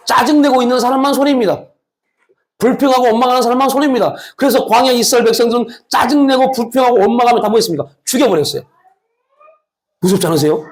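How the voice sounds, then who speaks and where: A male pastor delivering a sermon with steady emphasis. He keeps asking his listeners rhetorical questions and answering them himself. His speech is frank and colloquial, with casual asides set among earnest exhortations. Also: very high-pitched.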